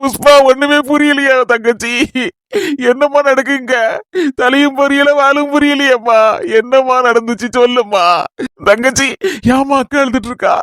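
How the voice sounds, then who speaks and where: A patient older brother, played by a man in a homemade family drama, soothing and pleading with his sister again and again. His voice is unusually high for a man, and the sound is dry and close. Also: steady tone, moderate pace, fairly bright tone, clear, resonant tone, dry recording. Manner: pleading, soothing, repeating endearments.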